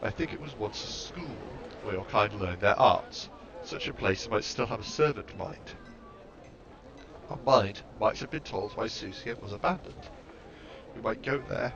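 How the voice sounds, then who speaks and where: A man voicing an ancient, trembling, awed female servile creature in a game, reading her lines slowly and reverently. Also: lowish voice, animated, gravelly, crowd noise. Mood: earnest. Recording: muffled lo-fi mic with background noise.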